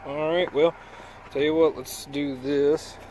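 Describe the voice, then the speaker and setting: A man's voice: fairly high pitch, little pitch movement, takes it slowly, a little mellow, a little hiss or hum. A man casually showing off a truck part he had installed, rambling in a folksy way with fillers, filming on a handheld phone from inside the truck and outside by a trailer. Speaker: vlogger reviewing truck accessories. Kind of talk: casual walkthrough vlog.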